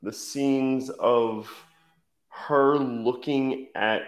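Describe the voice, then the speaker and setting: Co-host, male, mid-pitched, critical, stammers, roomy echo. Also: steady tone, extremely slow. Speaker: podcast co-host. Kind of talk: casual show review chat.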